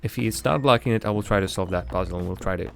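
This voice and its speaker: A man giving casual, halting game commentary, thinking aloud and poking fun at himself, and speaking as a language. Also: sits low, creaky. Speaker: host of a game playthrough stream. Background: game music.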